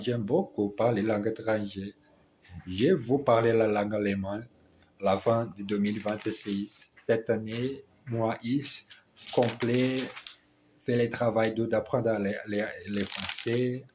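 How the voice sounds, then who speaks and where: A man with a fairly low voice speaks French as a learner, with a foreign accent. His delivery is very slow and hesitant. He often repeats words and phrases as he practises out loud. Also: slight background noise. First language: not French. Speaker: language learner recording daily practice. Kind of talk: self-recorded language practice talk, halting French.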